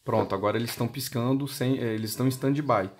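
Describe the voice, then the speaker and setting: A medium-pitched man's voice, fast-paced and carrying a Brazilian accent, guides viewers step by step through a product for a motorcycle intercom seller. He explains by questioning himself and supplying the answers.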